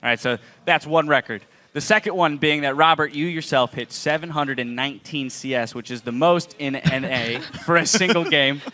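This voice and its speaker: Male analyst-desk host, bright and upbeat, slightly high pitch. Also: normal speed, few pauses. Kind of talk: post-match interview.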